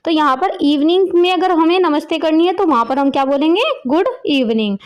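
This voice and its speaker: A woman with an Indian accent, her voice sitting high, teaches an English lesson to young children in a voice-over. She reads each English line slowly and carefully, then breaks it down word by word in simple terms.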